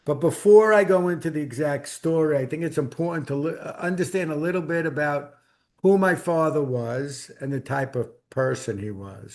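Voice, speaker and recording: A middle-aged man speaks in a Brooklyn accent, pitched a little high for a male voice. He talks as a guest author, recounting personal memories in a conversational storytelling style.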